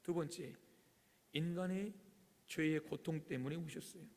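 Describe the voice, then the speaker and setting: A man preaching a Sunday sermon, his voice sitting high and carrying a long reverb through the church hall. He swings between loud, urgent bursts and hushed, low asides, and briefly acts out the voices he quotes. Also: steady tone, unhurried. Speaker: pastor. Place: church sanctuary.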